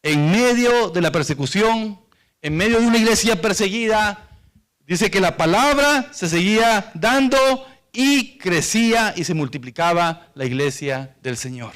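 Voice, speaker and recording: A man's voice: high-pitched, lively intonation, a little slow, a bit bright. A man preaching a sermon, reading Bible verses aloud and explaining them to the congregation, whom he calls church. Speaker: pastor.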